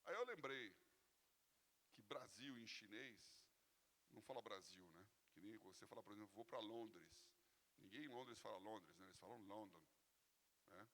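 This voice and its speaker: A man's voice: fairly low pitch, normal speed, a bit bright, a little hiss or hum. A man with a Brazilian accent preaching a sermon in a church hall, telling personal stories in a conversational way with frequent "né?" tags. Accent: Brazilian Portuguese. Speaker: pastor. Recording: long reverb of a large hall.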